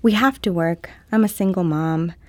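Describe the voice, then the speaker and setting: A woman working as a live interpreter, speaking a guest's words in the first person in short, halting phrases. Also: fairly low pitch, dry recording.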